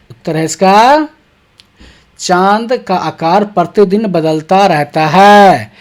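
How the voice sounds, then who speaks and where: A teacher explains textbook exercises to young schoolchildren at a deliberately slow, easy pace. Each question is read out first and then answered step by step. Regular "ठीक है" check-ins keep the lesson moving. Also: mid-range voice, darkish tone.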